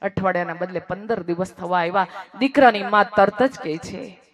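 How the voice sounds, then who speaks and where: A speaker telling an emotional moral story, swinging between hushed passages and raised, emphatic lines and repeating phrases for effect. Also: medium pitch, normal speed.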